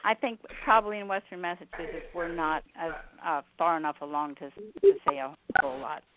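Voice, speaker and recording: A woman taking part in a conference call discussion, speaking haltingly and repeating her words. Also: lowish voice, lively intonation. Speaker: call participant. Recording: noisy, tinny phone line with clicks.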